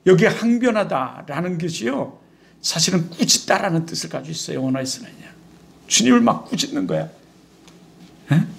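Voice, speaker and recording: A male pastor preaching a sermon in an animated, conversational way with rhetorical questions. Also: fairly high pitch, fairly quick, gravelly.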